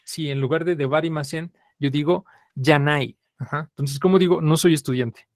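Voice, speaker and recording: A man's voice: on the high side, moderate pace, no echo, studio quality. A man teaching a live language class, repeating students' answers and saying "ajá" constantly.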